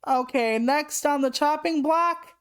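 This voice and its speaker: A woman's voice: high voice, a little slow. A woman in her late thirties chatting casually on a live stream, rambling through asides and swearing freely. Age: 30s. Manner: rambling asides with many "like" fillers.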